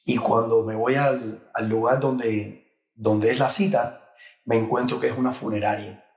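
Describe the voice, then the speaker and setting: A man's voice: mid-range voice, steady tone, unhurried, a little mellow, roomy sound, low-quality recording. A middle-aged Cuban man being interviewed about his career, talking with many fillers and restarts. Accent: Cuban Spanish. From Cuba. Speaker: guest, insurance trainer. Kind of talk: interview conversation.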